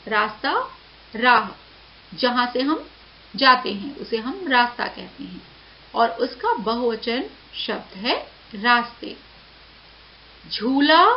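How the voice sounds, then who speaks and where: A woman teacher giving a lesson to children, saying each word slowly and clearly and repeating it for them. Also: fairly high pitch. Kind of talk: slow classroom lesson to children. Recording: dull lo-fi audio with faint hiss.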